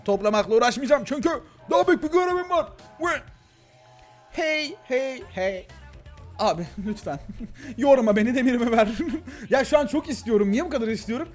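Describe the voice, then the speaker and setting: A young man chatting excitedly through a game he plays, with a voice that swings between thin and deep, addressing his viewers. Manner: excitable, chatty, talks to viewers as "gençler" and "abi", frequent laughs. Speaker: gaming YouTuber. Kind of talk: casual Let's Play commentary.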